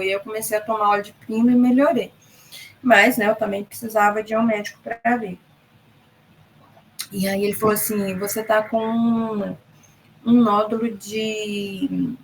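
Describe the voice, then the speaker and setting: A woman's voice: mid-range voice, gravelly, slight background noise, poor audio. A Brazilian woman leading a casual Bible study from her home office, mixing personal stories with scripture in a chatty way full of little asides. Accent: Brazilian Portuguese. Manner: chatty, peppered with "né" and "sabe". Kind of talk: casual devotional talk and personal testimony.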